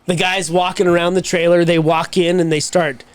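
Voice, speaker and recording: A man with a high, flat voice and smooth, moderately paced delivery tells a long, rambling story as a podcast co-host. He swears casually and quotes other people's voices as the anecdote unfolds.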